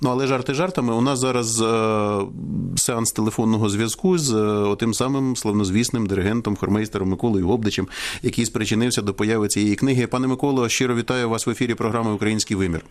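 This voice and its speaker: A man hosting a radio interview in the studio, brisk and friendly with light jokes. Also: fairly low pitch, fairly even intonation. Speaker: radio host.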